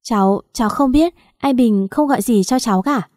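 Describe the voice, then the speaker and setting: In a storybook audio drama, a frightened young daughter answers in a timid, stammering voice, as a woman narrator reads her. The tone is soft and mellow, recorded dry and close. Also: fairly high pitch, normal speed, dry recording, voice pushed up, natural voice.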